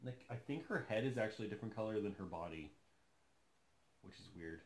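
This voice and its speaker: Brisk and animated, with a fairly low pitch, a man in his thirties unboxes a doll from his living room sofa. He vlogs about collecting dolls and chats casually, excited and musing aloud as he works.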